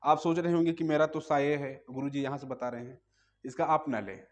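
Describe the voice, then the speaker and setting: A man's voice: mid-range voice, brisk. A man teaching a music lesson, explaining patiently step by step and asking listeners to hum along.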